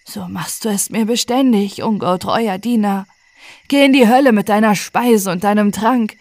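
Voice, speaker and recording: A woman voicing a weak, starving young man who talks in a hoarse, feeble voice and wails and pleads. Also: a little high, measured pace, darkish tone, no room sound, voice pushed up, lightly acted. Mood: defiant. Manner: wailing, pleading.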